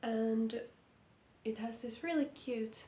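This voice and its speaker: Under lamp light indoors, a Finnish woman hoarse from illness gives a casual knitting vlog update in accented English, speaking slowly, carefully and haltingly. Her voice is on the high side and warm, the room reverberant with a little hiss or hum.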